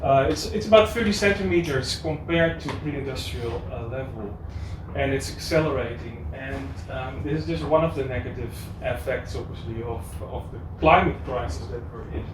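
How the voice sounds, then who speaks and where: A man's voice: mid-range voice, normal speed, few pauses. A man with a Dutch accent giving a live presentation, hesitant, with many fillers and restarts. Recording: echoey room, distant mic, noise.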